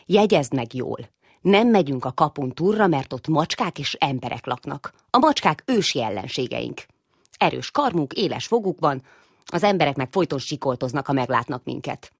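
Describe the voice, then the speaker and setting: A woman's voice: low-pitched, sing-song, slightly rough, dry recording, clean studio sound, full character voice. A woman voicing a sporty, know-it-all older brother mouse who teases and grumbles. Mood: teasing. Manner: teasing, grumbling.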